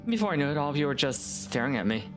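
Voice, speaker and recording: A man's voice: fairly high pitch, big pitch swings, rapid-fire, over music. A man voicing a tough young woman in a game who wryly recounts an embarrassing memory. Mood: rueful.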